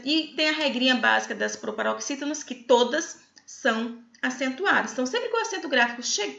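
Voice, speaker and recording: A woman's voice: fairly high pitch, gravelly, sharp tone. A middle-aged Brazilian woman with a Brazilian Portuguese accent, explaining a lesson to students in a chatty way and often checking that they follow. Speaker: writing teacher. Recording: echoey room, slightly dull sound.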